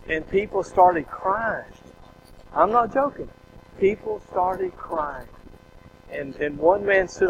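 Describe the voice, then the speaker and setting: Casting: male preacher, folksy animated storyteller, slightly high voice, faint street noise behind. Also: muffled recording. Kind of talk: storytelling testimony.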